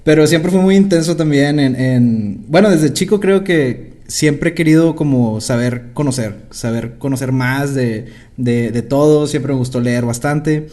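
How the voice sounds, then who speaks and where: Late 20s guy hosting a chill podcast, mellow voice, reflective. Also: medium pitch, measured pace. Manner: relaxed, reflective, short affirmations. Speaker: podcast host. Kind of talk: casual podcast conversation.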